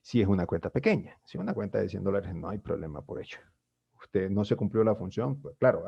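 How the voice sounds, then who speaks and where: A man's voice: fairly low pitch, creaky, slightly rough, highs cut off. A man explaining chart trading in a screen-share tutorial, talking formally to viewers with many fillers and restarts. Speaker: trading instructor.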